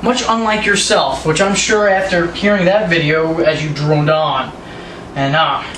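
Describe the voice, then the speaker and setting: A man's voice: fairly high pitch, steady tone, measured pace, a bit bright. An eighteen-year-old man, a backyard wrestler, cutting a sarcastic, taunting wrestling promo. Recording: roomy, distant, noisy home recording.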